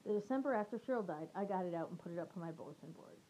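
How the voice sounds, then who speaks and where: A woman in her forties reads her own memoir aloud, the way a comic would. Her delivery is dry and deadpan, with the jokes tucked into plain statements. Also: fairly low pitch, racing, very noisy. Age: 40s. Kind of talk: reading a personal essay aloud.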